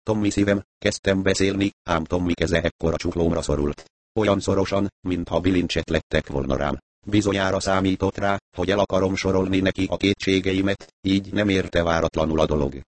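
A man narrating a first-person story in a steady storytelling manner. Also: sits low, dry recording. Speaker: reader.

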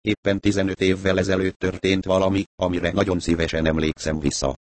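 A man reading the part of a scheming, crow-like old uncle with a croaking voice, in an audiobook. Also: deep voice, level tone, lightly acted. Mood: gloating.

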